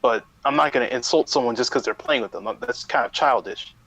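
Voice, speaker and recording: A man co-hosting a gaming podcast, giving his opinion in a measured, hesitant way. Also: mid-range voice, vocal fry, a bit bright, dry recording. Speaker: podcast co-host. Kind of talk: casual chat. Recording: dull, dry lo-fi mic.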